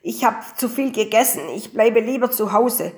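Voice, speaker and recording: A storybook father who grumbles out his excuses to stay at home, matter-of-fact and unhurried. A woman reading aloud gives him her own fairly high, everyday reading voice. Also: lightly acted. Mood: grumbling.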